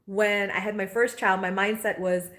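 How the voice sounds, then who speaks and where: A woman, a spiritual teacher in a casual live-stream chat. She talks in a chatty, animated way and greets viewers by name. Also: medium pitch, normal speed. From Guyana. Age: 40s.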